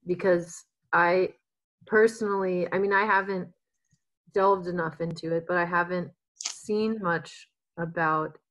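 A young woman facilitating a video call workshop, measured and appreciative. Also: on the low side, fairly even intonation, fairly bright tone. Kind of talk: facilitating a discussion. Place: indoor home with plants. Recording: dull lo-fi video call audio.

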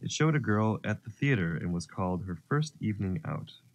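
A man narrating a children's story, gentle and expressive. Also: on the low side, normal speed, vocal fry, a little hiss or hum.

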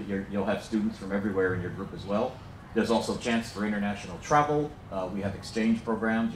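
In a fairly low voice, an American program director in middle age jokes and chats his way through an informal welcome speech, using lots of fillers. The handheld-mic audio was captured from the back of a large lecture hall, so it sounds far off and roomy with a little hiss or hum.

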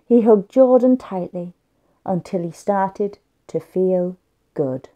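A woman with a dark, medium-pitched voice reads a picture book aloud to young children. She goes slowly, with care and plenty of expression.

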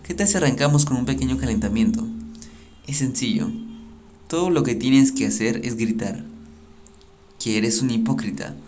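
A man's voice: mid-range voice, normal speed, long pauses, darkish tone, slight background noise, natural voice. A man reading out a sly blackmailer's lines from a game's phone call, in a taunting, smug way. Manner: taunting, smug, reads game text aloud. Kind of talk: reading game dialogue aloud.

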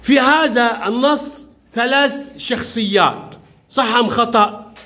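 Man, high-pitched voice, teacher, patient questioning, gentle scolding. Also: unhurried. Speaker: primary school teacher. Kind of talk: classroom questioning of young pupils. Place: classroom.

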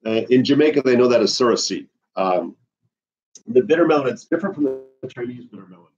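A middle-aged man from the Bahamas teaching an herbalism class indoors, animated and gesturing a lot while he paces, recorded by a camera at a distance. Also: mid-range voice, quick pace, muffled recording, soft background music. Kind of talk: lecture to a class. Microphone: far camera on the floor.

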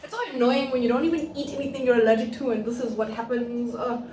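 A woman's voice: a little high, fairly even intonation, quick pace, warm tone, low-quality recording. A woman vlogging on her phone in casual chat, talking loosely with lots of fillers. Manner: chatty, filler-heavy talk with many "like"s. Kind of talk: casual selfie vlog. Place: busy hospital ward. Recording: busy hospital crowd noise behind.

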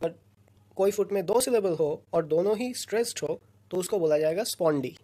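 A woman teaching a recorded lesson, explaining slowly and patiently in short phrases with pauses between them. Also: lowish voice, dark tone, slightly rough. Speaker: lecturer.

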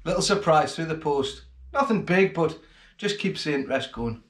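A man's voice: on the high side, expressive, moderate pace. A man in his forties hosting a fishing channel, talking casually and gratefully to the camera at home. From England. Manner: chatty and grateful, plain-spoken. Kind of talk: casual vlog talk to camera. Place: home kitchen, then living room, indoors. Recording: roomy home acoustics.

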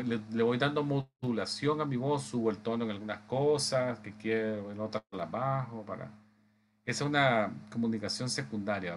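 A man lecturing medical assistants from slides, speaking haltingly with many restarts and frequent tag questions. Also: fairly low pitch, a little hiss or hum. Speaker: instructor.

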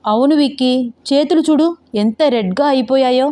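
A woman's voice: high voice, moderate pace, mellow, pitched above the performer's own voice, lightly acted. A woman voicing a timid, sulky young woman who whines and pouts while learning to ride a scooter. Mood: whiny. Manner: whiny, pouting. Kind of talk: audio novel character reading.

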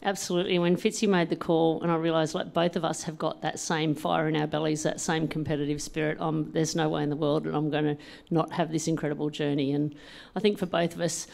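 A woman in her forties who grew up in New Zealand, an athlete being interviewed on an event stage with a handheld mic, lively and plain-spoken, quick to laugh. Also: sits low, vocal fry. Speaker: Paralympian and politician, honoree.

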